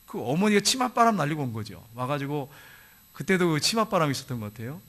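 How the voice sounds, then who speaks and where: A man preaching a sermon to his congregation in church. He asks them questions directly and reads scripture slowly. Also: a little high, sing-song, a bit bright. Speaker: pastor. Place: church sanctuary.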